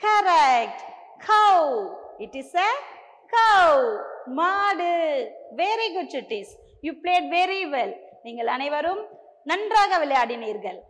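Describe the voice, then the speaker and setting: Woman teacher, Tamil accent, very high voice, coaxing young kids, long hall echo. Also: very animated. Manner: slow, coaxing, repeats each line in two languages. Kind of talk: bilingual classroom lesson for young children.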